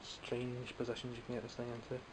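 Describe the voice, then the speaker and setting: A young Scotsman who vlogs about toy collecting talks casually and wryly about his haul from behind the camera, rambling and self-mocking, a bit phlegmy with occasional coughs. His medium-pitched delivery is completely flat and a little fast. The camera mic picks up a noisy background.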